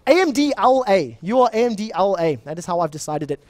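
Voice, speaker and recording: Speaking fast in a high, sing-song, slightly mellow voice, a young South African man casts a live online game. As an esports shoutcaster he chats and rambles, fixes his own slips, and greets people from the chat, captured in a dry recording.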